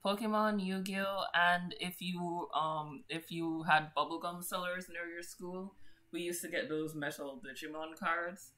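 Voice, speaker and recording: Low-voiced playful woman streamer. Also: fairly even intonation, measured pace, bright, forceful tone. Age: young adult. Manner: playful, teasing. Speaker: art stream co-host. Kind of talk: casual chat on a live stream.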